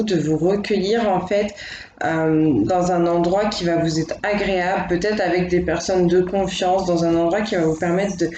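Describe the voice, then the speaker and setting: A woman doing a casual, spoken tarot reading as host, thinking aloud in a gentle, reassuring way. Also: lowish voice, roomy sound, background noise. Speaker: tarot card reader.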